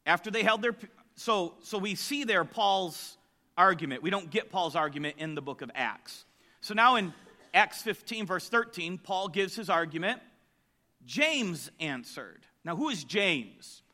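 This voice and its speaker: A man teaches scripture in a chatty sermon style. His voice is bright and sits a little high for a man, and he keeps checking in with his listeners. The delivery stays conversational throughout. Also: lively intonation, measured pace. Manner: conversational, asks the audience questions. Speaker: preacher.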